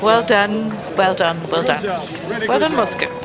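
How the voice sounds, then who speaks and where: A woman's voice: medium pitch, expressive, a little slow, a loud crowd. A woman giving live sports commentary in an encouraging, exclaiming way, often repeating her phrases. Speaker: live event commentator, also relaying a translator's words.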